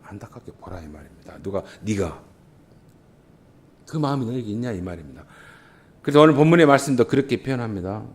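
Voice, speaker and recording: A man preaching with a Jeolla Korean accent, his pitch climbing and dropping all over the place. He moves between loud, pressing stress and hushed asides in the way of a church sermon. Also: animated. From Jeolla region, South Korea. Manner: impassioned, swinging from loud emphasis to quiet, drawn-out asides. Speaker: pastor. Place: church sanctuary.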